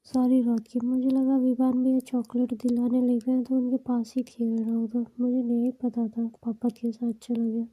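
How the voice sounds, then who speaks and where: A woman voicing a young wife who pleads and apologizes, in her own husky voice. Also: fairly high pitch, monotone, normal speed, hardly any pauses, no room sound, highs cut off. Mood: pleading.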